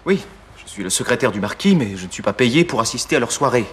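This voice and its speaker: A man's voice: mid-range voice, very animated, fast, very noisy, lightly acted. A man acting an ambitious young male secretary in a period film drama, earnest and heated when he argues. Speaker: young secretary Julien Sorel.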